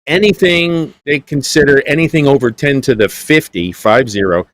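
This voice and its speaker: A man's voice: mid-range voice, normal speed, no echo. A man hosting a Bible study show, telling folksy jokes and stories in casual chat. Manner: joking storyteller, folksy. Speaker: Bible teacher and show host.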